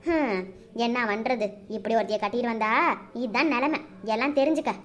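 A woman's voice: on the high side, fairly quick, pitched below the performer's own voice, natural voice. A woman playing a harsh scolding mother-in-law. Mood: bossy. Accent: Kanyakumari Tamil. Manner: scolding, commanding.

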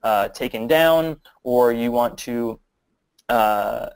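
Guy on a webinar, lots of uh and um, restarts his sentences, mid pitch. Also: slow pace, smooth, low-quality recording. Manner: hesitant, many fillers and restarts. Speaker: guest marketing expert. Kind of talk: webinar Q&A answers.

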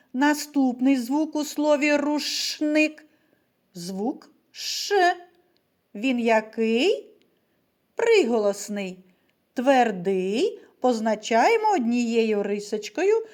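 A woman teacher giving a video reading lesson to young children, with slow, patient step-by-step instruction, asking them questions and calling them little ones. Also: high voice, a little mellow. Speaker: primary school teacher.

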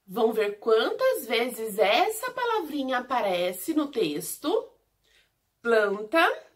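A woman teaching a recorded lesson for young children, speaking slowly in a sing-song way and stretching out syllables. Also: fairly high pitch, sing-song. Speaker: preschool teacher.

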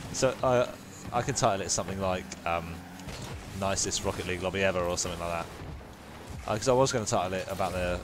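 A young man giving live, excitable commentary over his own gameplay, laughing often and gasping at big plays. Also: sits low, noisy background. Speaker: gaming YouTuber.

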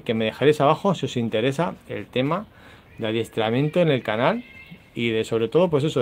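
A man with an accent from Spain hosts a phone vlog and owns a dog, chatting casually with viewers in a loose style full of fillers. His voice is mid-range with a darkish tone.

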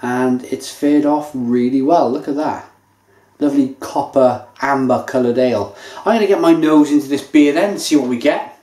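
A man in his thirties casually reviews a beer at home, chatting as he tastes it, with a medium-pitched voice at a normal pace. He sounds relaxed and chatty, savoring and describing each sip. A camera mic at table distance picks him up indoors in his kitchen, with echoey room sound.

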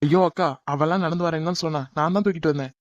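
A man's voice: fairly high pitch, fairly even intonation, very fast, no echo, lo-fi sound, natural voice. A man voicing a flustered young man in a cartoon, defensive and explaining in a hurry. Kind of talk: animated cartoon dub.

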